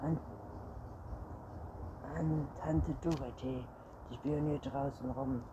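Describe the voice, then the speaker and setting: A man's voice: mid-range voice, fairly even intonation, takes it slowly, dull audio, close to an everyday voice. A man voicing a cheeky, boastful little boy vampire who mocks and brags, in a storybook reading. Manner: mocking, proud, giggly. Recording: noisy recording.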